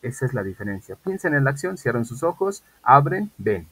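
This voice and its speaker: This is a man teaching an English lesson in an online class, speaking into a computer microphone. His voice is a little husky, at an ordinary middle pitch. He stretches out the example sentences slowly and punctuates his explanations with "¿ok?". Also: sing-song, fairly bright tone, poor audio. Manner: patient, repeats model sentences slowly with emphasis; often checks in with "¿ok?".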